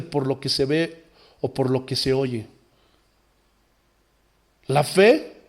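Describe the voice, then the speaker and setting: A man preaching a sermon as pastor, with impassioned swings from loud exclamations to low, quiet phrases. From Bolivia.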